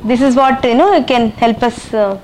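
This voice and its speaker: A woman's voice: a little high, normal speed, a little mellow, low-quality recording. A woman with an Indian accent leading an informal scripture class, explaining encouragingly and repeating key phrases.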